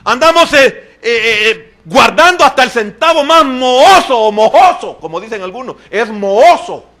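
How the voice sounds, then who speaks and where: A man preaching a sermon in church. He talks straight to the congregation and swings between loud exclamations and hushed asides. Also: extremely high pitch, animated, moderate pace. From El Salvador. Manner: addresses the congregation directly and often as "hermano". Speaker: pastor.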